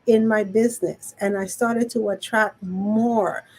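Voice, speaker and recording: A woman's voice: medium pitch, steady tone, unhurried, a little mellow, poor audio. A woman with a Caribbean island accent, teaching conversationally as a show host, repeating phrases for emphasis and often checking in with her listeners. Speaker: show co-host, business coach. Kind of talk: conversational teaching talk to an online audience.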